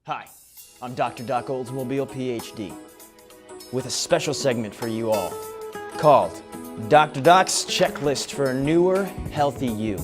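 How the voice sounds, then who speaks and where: A man's voice: medium pitch, normal speed, over music, lightly acted. A man playing a slick self-help doctor. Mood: upbeat. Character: smooth motivational-speaker therapist doctor. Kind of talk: mock self-help segment.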